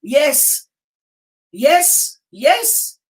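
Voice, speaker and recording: A woman's voice: sits high, very animated, drawn-out words, darkish tone, recorded from a distance. A woman giving a rousing motivational sermon in an emphatic, rallying manner, repeating phrases for effect. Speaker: motivational preacher addressing a live online audience.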